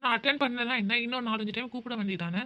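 A cold, bitter young man, voiced by a woman for a cartoon, curt and sarcastic in every reply. His lines tumble out at a very quick pace. The sound is dull and lo-fi. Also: a little high, lightly acted. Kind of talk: cartoon voice acting.

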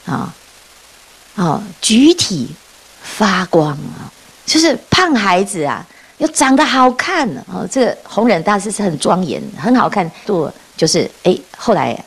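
A woman's voice: mid-range voice, measured pace, breathy edge. A woman giving a dharma talk as a Buddhist nun, telling stories with frequent laughs and rhetorical questions. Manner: lively storytelling, often laughing and asking rhetorical questions.

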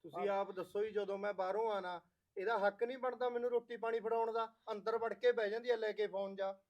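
A man's voice: high-pitched, fairly even intonation, quick pace, lightly acted. A man playing a complaining young husband, dull sound. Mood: accusing. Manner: complaining, accusing. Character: complaining young husband blaming his wife.

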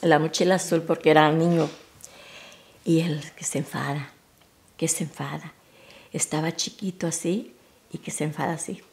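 An older woman in her seventies with a Mexican Spanish accent, telling family stories. Her voice sits fairly low, and her talk rambles and restarts, often sinking into soft, near-whispered asides. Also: fairly even intonation, moderate pace, gravelly, long pauses. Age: 70s. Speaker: mother recalling family memories. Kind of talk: informal family storytelling.

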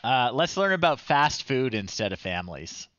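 His mid-range voice swinging widely in pitch at a moderate pace, a livestream host in his thirties chats to himself wryly and reads screen text aloud as he plays. The recording is dry and lo-fi.

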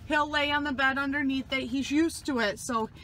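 Chatty high-voiced woman in a truck cab. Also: fairly even intonation, normal speed. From New York. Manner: chatty, rambling with many fillers. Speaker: truck driver vlogger. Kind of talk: casual vlog tour. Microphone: phone camera held in hand.

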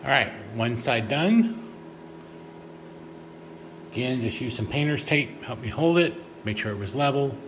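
A middle-aged DIY home improvement vlogger gives a casual, step-by-step how-to in a large garage, recorded by a camera on a tripod across the room. His medium-pitched voice is animated and unhurried, with frequent pauses, occasional fillers, an echoey sound and slight background noise.

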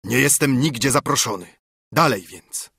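A man's voice: medium pitch, lively intonation, normal speed, gravelly, pushed and bright, breathy edge, no echo, exaggerated voice. Man voicing a boastful tipsy nobleman. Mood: dismissive. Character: tipsy, eager middle-aged Italian nobleman wine buff.

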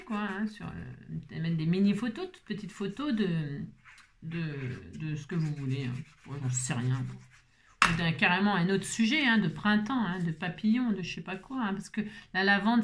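A woman's voice: mid-range voice, slight background noise. A woman hosting a craft tutorial, chatting and rambling with self-mocking asides as she works, feeling unwell. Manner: rambling, self-mocking, talks to viewers while working. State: unwell with migraine.

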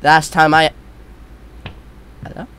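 A man doing jumpy, scared horror game commentary as a streamer, yelling and swearing freely. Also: on the high side, monotone, takes it slowly, slight background noise. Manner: foul-mouthed. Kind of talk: let's play commentary.

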